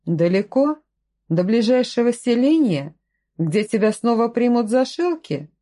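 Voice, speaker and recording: A woman's voice: on the high side, big pitch swings, measured pace, warm tone, voice pushed up. A woman reading the lines of a stern, distrustful man who speaks in short commanding phrases in a storybook reading. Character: stern suspicious grown man, curt castle lord.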